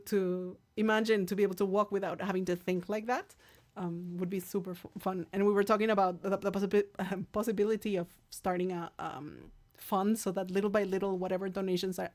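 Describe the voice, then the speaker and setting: A woman's voice: medium pitch, darkish tone. Chatty woman hosting a live stream. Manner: chatty, laughs often, thanks viewers by name. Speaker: livestream host and singer. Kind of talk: casual chat reading viewer comments.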